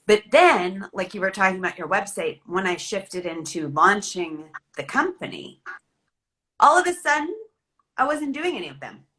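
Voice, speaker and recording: A woman hosting a casual conversation, chatty and animated. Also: mid-range voice, moderate pace. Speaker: host. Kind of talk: casual chat.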